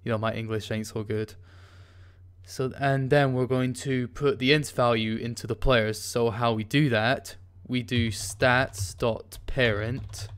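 A man's voice: mid-range voice, fairly even intonation, measured pace, clear, resonant tone. A man hosting a casual coding tutorial, talking through his screen with many ums and restarts as he types. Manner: casual, hesitant, many ums while typing. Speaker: tutorial host.

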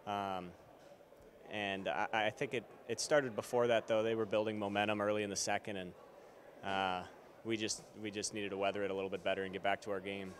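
Speaking a little fast with a flat delivery, a twenty-something hockey player fields postgame questions casually, full of fillers. His lowish voice is picked up by a handheld interviewer mic in an arena corridor, with a little hiss or hum.

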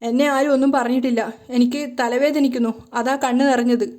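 A woman voicing a hurt young wife who quietly refuses and holds back tears. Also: high voice, fairly even intonation, a little fast, lightly acted.

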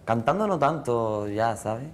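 Shy young man, halting speech. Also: medium pitch, lively intonation, slight background noise. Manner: shy, halting, mumbled with many fillers. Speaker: singing contestant. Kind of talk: casual chat and singing. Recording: roomy echo, long reverb, loud music.

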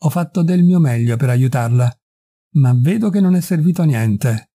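A man doing a brisk, firm detective. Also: on the high side, expressive, dark tone, slightly rough. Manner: clipped, firm and urgent. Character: calm, brisk male detective, middle-aged. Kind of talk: audiobook reading.

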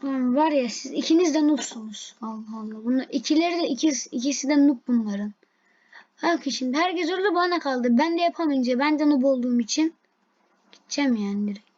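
High-voiced excitable woman streaming a game. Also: fairly quick, highs cut off. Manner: excitable, frustrated, repeats herself while playing. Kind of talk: live gameplay commentary.

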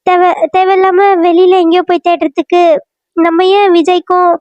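A woman voicing a shrill, nagging village mother. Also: flat delivery, normal speed, darkish tone, no echo. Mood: pushy. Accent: Kanyakumari Tamil. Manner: reproachful, wailing, nagging. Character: middle-aged village mother, bitter and complaining. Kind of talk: cartoon serial voice acting. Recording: dry, muffled lo-fi recording.

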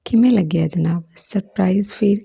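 A woman's voice: medium pitch, moderate pace, gravelly, warm tone, slightly rough, heavily acted. A woman reading the part of a teasing, reassuring young man who coaxes his sister-in-law in a storybook reading. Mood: coaxing.

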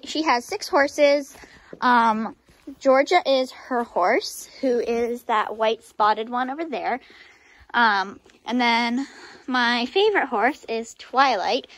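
High-voiced giggly teen girl vlogger. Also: no echo. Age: teens. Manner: chatty, giggly, lots of ums. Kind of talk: casual farm vlog narration. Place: outdoors on a farm, barns and pens. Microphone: handheld phone camera.

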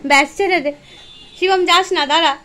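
A woman's voice: very high-pitched, brisk, sharp tone. A woman filming her dog at a family home, coaxing and teasing it and talking to it like a child. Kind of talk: casual chat to her dog.

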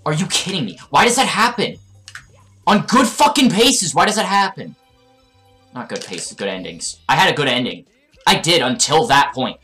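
A male speedrunner streaming a game live, screaming curses in high-pitched outbursts and muttering low between them. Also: very animated, normal speed, pushed and bright, soft background music. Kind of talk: raging live gameplay commentary.

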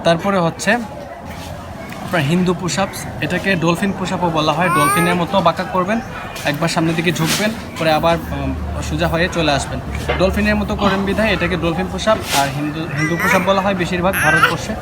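A man's voice: high voice, fairly quick, over a noisy crowd. A man giving instructional workout narration as a fitness instructor, explaining things directly to the viewer. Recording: loud urban ambient noise.

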